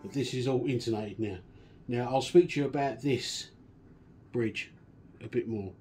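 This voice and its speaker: A man casually walking through a guitar restoration and explaining each step in a relaxed, chatty way. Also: mid-range voice, moderate pace. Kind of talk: casual workshop demonstration.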